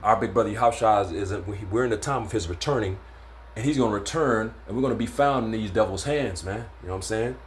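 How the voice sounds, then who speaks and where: A man's voice: fairly low pitch, fast talker, slight background noise. Laid-back man teaching scripture. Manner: laid-back, stumbling, many fillers and "man". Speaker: religious teacher. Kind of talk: informal scripture lesson.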